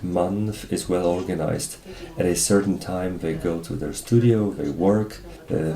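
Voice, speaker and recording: A man reads an interview voice-over in a low, mellow and gravelly voice. His phrasing is formal and a little stilted. The recording sounds roomy, with music playing behind him.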